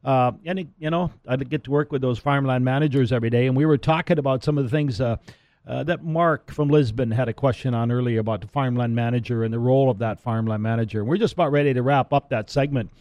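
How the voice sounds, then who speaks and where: Middle-aged guy hosting farm talk radio, warm mellow voice, dry close sound, rambles and restarts a lot. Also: medium pitch, steady tone, quick pace, no room sound. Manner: rambling, restarts and repeats words. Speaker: radio show host and land auctioneer.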